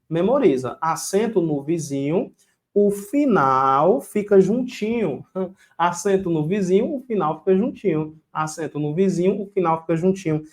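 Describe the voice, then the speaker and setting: A man teaching an online exam-prep grammar lesson, quizzing the viewers and drilling rules with repetition and a rhyme. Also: on the high side.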